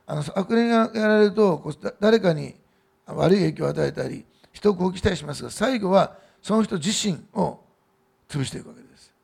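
A man's voice: a little high, gravelly, a little mellow, husky. A middle-aged man giving a sermon as pastor at a church service, in a loose, conversational way with fillers and asides.

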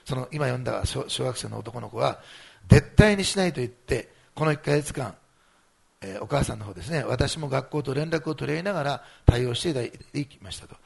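Fast-talking gravelly pastor, a man. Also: mid-range voice, expressive. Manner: conversational, many fillers like ano and ne. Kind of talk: sermon.

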